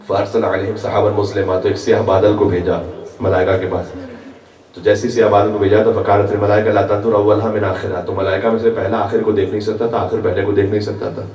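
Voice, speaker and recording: A man with a fairly low voice preaches a religious sermon, moving between plain explanation and slow chanted quotations. He is recorded from some distance in a large hall, and the sound comes through with a noticeable echo. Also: darkish tone. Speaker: guest preacher. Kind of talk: religious sermon at a majlis gathering. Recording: echoey hall picked up from far off.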